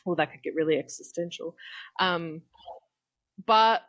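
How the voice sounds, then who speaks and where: An Australian woman in her young adult years talks in a chatty, easygoing way, peppering her speech with "um" and "like". Her voice sits a little low. The call audio sounds dull and lo-fi. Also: a little slow, a bit bright. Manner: chatty, laughing, frequent "um" and "like". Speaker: podcast guest. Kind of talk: casual chat. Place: home room. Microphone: video call.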